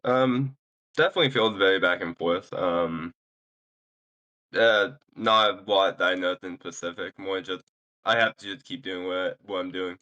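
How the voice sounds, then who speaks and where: Low man on a muffled, low-sample-rate call, hesitant player interview. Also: steady tone, bright, forceful tone. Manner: hesitant, with pauses and fillers. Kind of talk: casual post-game interview.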